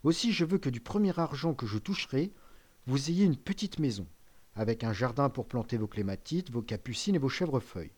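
A man reading an audiobook, voicing a poor, frail old father with a soft, weary voice. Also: mid-range voice, animated, a little fast, close to an everyday voice. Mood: weak, tender. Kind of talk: audiobook character voice.

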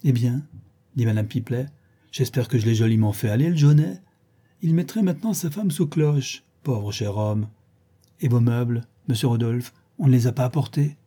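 A man's voice: mid-range voice, normal speed, dark tone, slightly rough, close to an everyday voice. A man voicing a gossipy, scheming old female concierge in a raised, chattering voice. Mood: gloating.

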